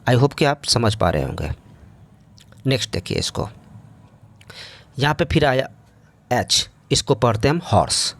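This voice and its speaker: A man's voice: mid-range voice, big pitch swings, measured pace, vocal fry, long pauses, a bit bright. A man teaching an English grammar lesson in speech, explaining step by step and often asking the class rhetorical questions.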